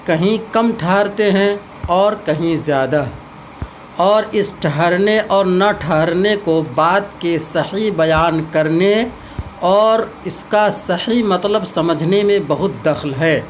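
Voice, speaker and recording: A man's voice: on the high side, a little hiss or hum. A man teaching a lesson, explaining things step by step with spoken examples.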